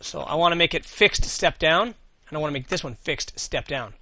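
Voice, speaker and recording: A man's voice: fairly high pitch, moderate pace, bright, forceful tone, slight background noise. A man giving casual gameplay commentary as host, thinking aloud and answering his own questions as he goes. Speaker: gaming video host.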